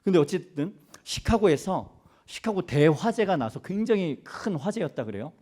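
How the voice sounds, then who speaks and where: A man's voice: sits high, expressive, normal speed, a little mellow. A man, a missionary preacher, telling a story in a conversational sermon with chatty asides to his listeners. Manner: chatty, many fillers and restarts, asides to the audience.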